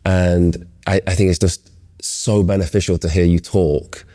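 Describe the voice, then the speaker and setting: A man hosting an interview, talking earnestly with many halting restarts. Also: low-pitched, level tone, warm tone. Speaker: interview host. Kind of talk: casual interview conversation.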